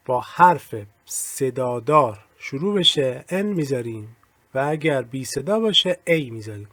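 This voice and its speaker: A man teaching English grammar in Persian, with slow, careful readings of the English examples. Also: mid-range voice, fairly bright tone, dry recording. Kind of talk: recorded lesson explaining grammar.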